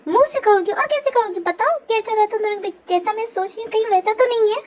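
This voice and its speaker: A woman's voice: extremely high pitch, fast talker, heavy background noise. A young woman performing every role in a Hindi fan-dub drama, talking in a chatty, pushy way.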